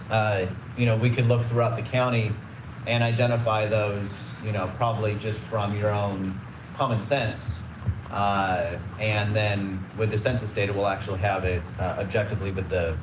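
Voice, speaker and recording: A redistricting consultant gives a conversational presentation at a public meeting, explaining rules with everyday examples and plenty of fillers. His medium-pitched voice sounds reverberant and muffled, captured on a distant mic with background noise.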